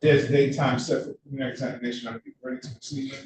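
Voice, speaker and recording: A fast-talking male judge runs through procedure in a brisk, businesslike way. The courtroom recording is very echoey and picks him up from a distance. A steady layer of noise sits underneath. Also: mid-range voice. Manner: brisk, procedural, reads out case details.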